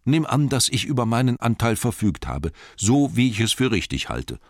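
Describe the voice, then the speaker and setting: A man voicing a small, fussy male hobbit in an audiobook, talking in a piping, hurried way. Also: medium pitch, big pitch swings, no room sound, studio quality, pitched above the performer's own voice, natural voice. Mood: indignant. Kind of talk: audiobook character voice.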